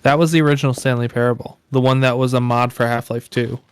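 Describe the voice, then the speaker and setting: A man's voice: mid-range voice, fairly even intonation, fast, smooth. A man giving casual, informative commentary alongside a gameplay session. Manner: informative, conversational. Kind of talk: casual explanatory gameplay chat.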